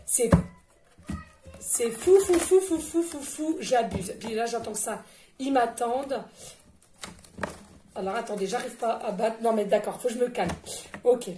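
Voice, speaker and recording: A woman's voice: on the high side, a little slow, long pauses, echoey room, background noise. A woman medium giving a casual, rambling oracle card reading, chatting and laughing with her listeners as friends.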